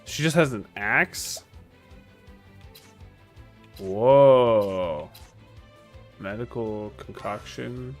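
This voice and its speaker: A man's voice: lowish voice, extremely slow, long pauses. A man doing casual, playful, slangy video game commentary with game music behind him.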